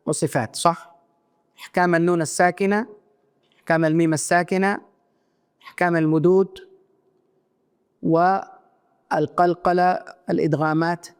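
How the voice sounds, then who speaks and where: A man teaching Quran reciters in a religious lecture, often checking his listeners with quick rhetorical questions. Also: sits high, smooth. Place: mosque lecture hall.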